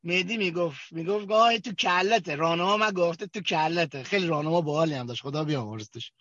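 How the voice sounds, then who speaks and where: Kermani man sharing a halting testimony. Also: on the high side, a bit bright, no room sound. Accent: Kermani Persian. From Kerman, Iran. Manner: halting, with many fillers and restarts. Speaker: recovery group member sharing his story. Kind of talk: personal testimony at a recovery meeting. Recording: dull, dry recording.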